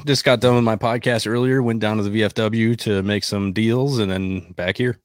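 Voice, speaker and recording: Male guest, low voice, easygoing and matter-of-fact. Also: steady tone, normal speed, no echo, studio quality. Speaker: podcast guest, veteran entrepreneur. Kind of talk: casual interview.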